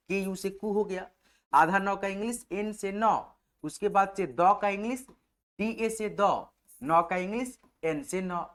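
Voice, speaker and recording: Male tutor for a step-by-step spelling lesson: patient, repetitive, slow letter-by-letter delivery, close voice-over. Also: high voice, a bit bright. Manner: patient, repetitive, spells letters out slowly, keeps checking in with "okay friends". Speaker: online English teacher.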